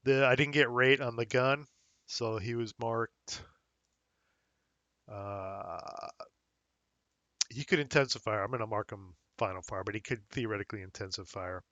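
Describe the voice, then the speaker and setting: A man with a slightly hoarse voice walks through game rules in a relaxed, thinking-aloud way, dropping fillers as he checks details. The recording is close and dry with no room sound, and a bit dull in the highs. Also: a little slow, long pauses, no echo. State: slightly hoarse, losing his voice. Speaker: wargame tutorial host.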